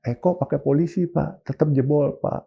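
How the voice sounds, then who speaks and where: Man doing a panicked, sobbing friend, gravelly and low-fi. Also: fairly even intonation, normal speed, highs cut off. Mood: frightened. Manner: sobbing, urgent reporting. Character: frightened man trapped in apartment, pleading.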